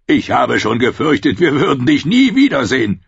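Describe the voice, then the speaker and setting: Male reader doing a jovial, booming wildling brute, husky and lively, dull dry audiobook sound. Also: normal speed, dry recording, full character voice. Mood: roaring jovial. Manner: booming, laughing, mocking. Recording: muffled lo-fi recording.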